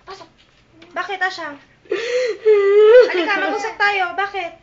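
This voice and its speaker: A woman's voice: extremely high pitch, level tone, normal speed. A woman coaxing and pleading, asking the same questions again and again, recorded at home on a handheld camera. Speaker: parent comforting a crying relative. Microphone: handheld camera mic. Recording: muffled home video with noise.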